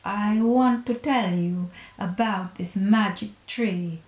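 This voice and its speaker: Seductive Spanish male tour guide put on by a woman, whispered role-play, slow breathy words, dark mellow tone, echoey room. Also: medium pitch, natural voice. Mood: inviting.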